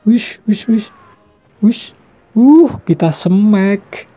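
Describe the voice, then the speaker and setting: A young adult giving excited gameplay commentary, trash-talking and shouting fight noises. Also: medium pitch, extremely slow, faint music behind.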